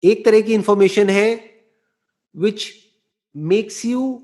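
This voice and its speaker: A man giving a slow, deliberate motivational talk, often checking in with rhetorical questions and slipping into English phrases. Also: sits high, warm tone. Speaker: motivational speaker. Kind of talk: explanatory talk answering a listener.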